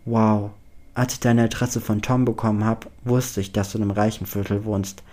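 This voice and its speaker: A man reading aloud and voicing a blunt, teasing teenage girl with quick, wry remarks. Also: on the low side, little pitch movement, warm tone, close to an everyday voice.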